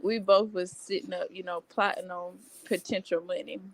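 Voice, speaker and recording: A woman's voice: fairly low pitch, steady tone, normal speed, gravelly, dry recording, rough recording. Laid-back woman telling a funny story. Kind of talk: casual gossip chat.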